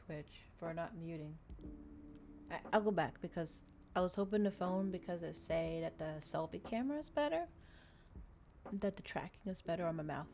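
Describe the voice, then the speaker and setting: With a lowish, somewhat dark voice and a little hiss or hum in the background, this woman hosts a VTuber livestream. Her chat with viewers is casual and meandering, full of repeated and reworded phrases.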